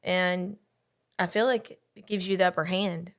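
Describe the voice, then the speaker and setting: A woman co-hosting a podcast, chatting with her co-hosts in a quick, upbeat way with laughing asides. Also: on the low side, steady tone. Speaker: podcast co-host. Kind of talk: casual chat among co-hosts.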